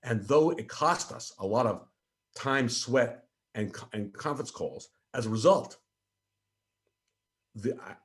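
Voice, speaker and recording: A man from Switzerland with an American accent, answering conference questions in an animated way, often restarting his words. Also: fairly low pitch. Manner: animated, with frequent restarts and stammers. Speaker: presenting researcher.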